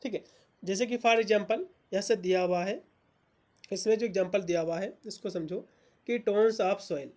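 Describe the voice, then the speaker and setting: Woman teaching exam notes, mellow voice. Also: medium pitch, moderate pace. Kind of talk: exam-prep lecture, reading English definitions then explaining in Hindi.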